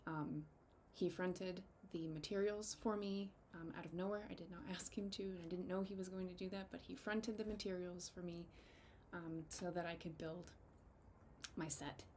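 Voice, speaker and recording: Young woman, low-ish voice, casual vlog chat, emotional and thankful, faint background hum. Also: steady tone, a little mellow. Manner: heartfelt, grateful, gets emotional, halting with many ums. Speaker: fantasy photographer and content creator. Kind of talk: casual personal update to viewers.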